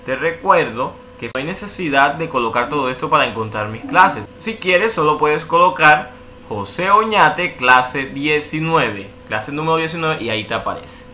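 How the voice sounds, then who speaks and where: A man's voice: a little high, expressive, normal speed, pushed and bright, slight background noise. A man teaching an online language lesson, patiently walking through rules and checking in often with a questioning "ok". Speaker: English teacher.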